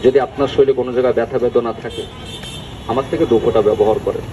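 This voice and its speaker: An older man giving a folksy street sales pitch as a herbal oil vendor, often addressing listeners familiarly. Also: steady tone, fast. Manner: folksy, repeatedly addresses listeners as uncle and brother. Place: outdoors on a busy street. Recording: noisy outdoor street with traffic.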